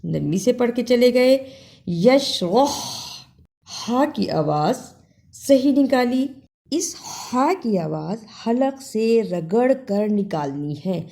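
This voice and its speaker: A woman leads a Quran recitation lesson. Her voice sits a little high but sounds mellow and soft. She chants verses slowly and spells out each letter, then explains the rules in quick bursts. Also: lively intonation, creaky. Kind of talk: tajweed lesson with slow recitation.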